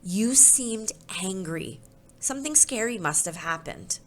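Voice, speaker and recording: Gentle storybook teacher, as a woman reads her. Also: mid-range voice, measured pace, a little hiss or hum, natural voice. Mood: soothing. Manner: gentle, calm. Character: kind, soothing female teacher in a children's story. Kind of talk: storybook read-aloud.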